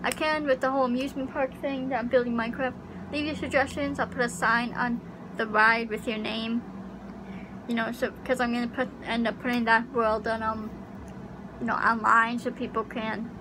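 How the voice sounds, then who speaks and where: A young YouTuber speaks at a normal speed in a fairly high voice with little pitch movement. Her casual vlog chat rambles hesitantly, full of fillers. She's close to a webcam in a small pink bedroom, and the AC's hum is audible in the home recording.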